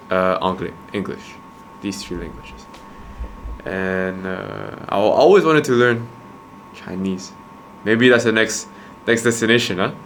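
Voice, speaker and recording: Here a young adult vlogger and entrepreneur from Quebec, Canada, a native Khmer speaker, reflects casually on camera, his low voice carrying a slight brightness. He stumbles earnestly through his thoughts with frequent restarts and repeated words, and a faint hiss or hum sits in the background.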